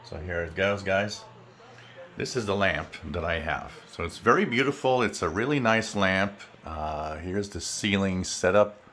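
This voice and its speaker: A man's voice: sits low, a little slow, fairly bright tone, slight background noise. A man hosting a hobby channel, giving a casual, conversational demonstration to viewers in an explanatory way. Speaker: host of a shortwave radio channel. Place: indoors in a home kitchen.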